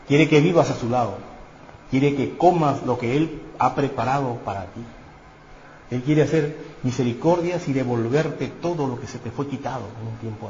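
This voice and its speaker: A man's voice: medium pitch, darkish tone. A male pastor preaching a sermon earnestly with rising emphasis, recorded in a church hall. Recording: echoey church hall, dull sound, faint noise.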